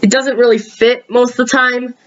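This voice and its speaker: A woman casually rambling through reviews of her own videos, sleepy and yawning, with lots of ums and sudden jumps in pitch. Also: flat delivery, normal speed, dull audio, faint music behind.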